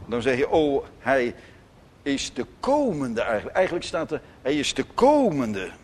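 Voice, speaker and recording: A man preaching a sermon in church, emphatic, with sudden loud declarations and soft, gentle asides. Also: medium pitch, wildly swooping pitch, moderate pace. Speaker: pastor.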